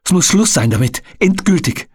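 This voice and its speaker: Male narrator doing a bruised, defiant young woman, raised husky voice, storybook. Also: high voice, very animated, normal speed, no echo, studio quality, pitched above the performer's own voice, exaggerated voice. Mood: desperate. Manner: urgent, bitter pleading.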